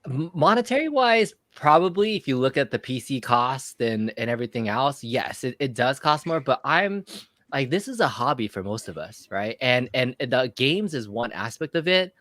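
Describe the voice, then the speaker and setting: A man's voice: mid-range voice, very animated, moderate pace, fairly bright tone, no room sound. A man hosting a casual podcast chat, talking like a hobbyist reviewer. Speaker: show host and arcade cabinet reviewer.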